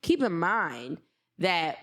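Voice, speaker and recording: A woman's voice: on the low side, very animated, slow, a bit bright. A woman co-hosting a podcast in casual chat, frank and opinionated, sometimes mimicking other people's lines. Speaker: podcast co-host.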